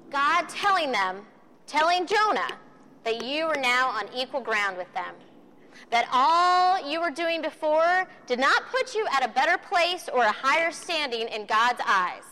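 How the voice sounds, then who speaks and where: In a reverberant hall, an animated, high-voiced woman delivers a lively sermon to a group, playfully retelling events and putting questions to her audience.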